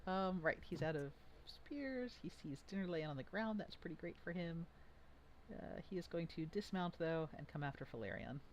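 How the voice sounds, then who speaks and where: Game master, vivid narration, medium pitch, light background hiss. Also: lively intonation, moderate pace. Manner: vivid, playful combat narration.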